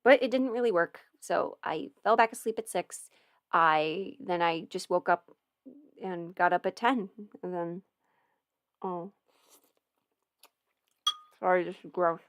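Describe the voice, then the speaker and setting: A woman with a lowish voice talks slowly and pauses a lot as she chats casually on a livestream from home, rambling and muttering to herself while adjusting settings. She's an audio performer alone in her house, using a studio mic through an audio interface, and there's no room sound.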